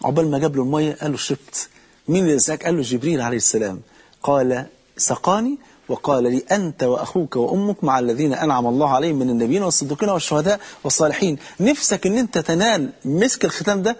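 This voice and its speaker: A man with an Egyptian Arabic accent delivers a sermon, his voice husky and pitched a little high. He talks at a quick clip and addresses his listeners directly. He slows down sharply to draw out the lines he quotes. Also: animated, a little mellow. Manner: storytelling with slow, drawn-out quotes. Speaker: preacher.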